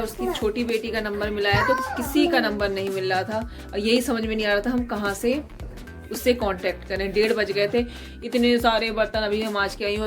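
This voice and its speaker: Chatty young woman with a cold. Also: medium pitch. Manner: chatty, running commentary on chores. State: hoarse with a cold. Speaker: family vlogger. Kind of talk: casual home vlog narration.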